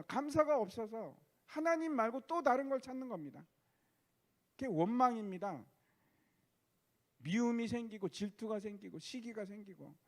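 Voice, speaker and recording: A male pastor preaching a sermon, posing rhetorical questions to the congregation. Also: extremely high pitch.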